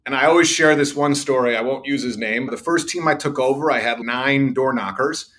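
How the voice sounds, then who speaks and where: With a mid-range voice and a brisk delivery, a middle-aged revenue executive recounts career stories with confidence as a podcast guest. He says he's got a loud voice.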